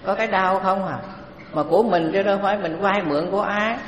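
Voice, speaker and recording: Man, Buddhist dharma teacher, a bit high-voiced, relaxed teaching pace, echoey hall. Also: slight background noise. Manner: unhurried, conversational teaching with many pauses. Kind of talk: dharma talk sermon. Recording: echoey hall, faint background ambience.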